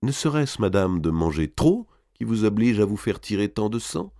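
A man reading an audiobook, voicing a young lady's maid who speaks with false gentleness and quiet spite. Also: fairly low pitch, sing-song, normal speed, no room sound, studio quality, voice pushed up. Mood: sly. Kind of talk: audiobook character voice.

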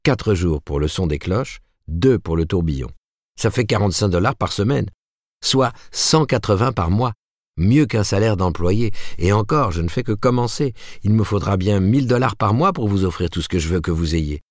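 A man reading aloud, voicing an eager young male writer who talks with animated enthusiasm. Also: low voice, normal speed, hardly any pauses, dry recording, studio quality. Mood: excited.

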